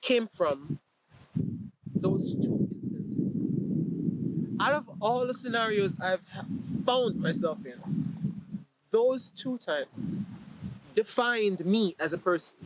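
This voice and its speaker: A man hosting his vlog, giving a slow, deliberate motivational talk to the camera and asking the viewer rhetorical questions. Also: high-pitched, expressive, slight background noise, poor audio. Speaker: vlog host.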